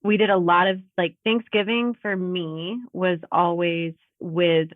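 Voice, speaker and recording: In a relaxed conversational interview over video call, a podcast guest in her thirties laughs frequently and uses fillers. She speaks at a measured pace in a fairly low, steady voice, with tinny phone-like audio and no echo.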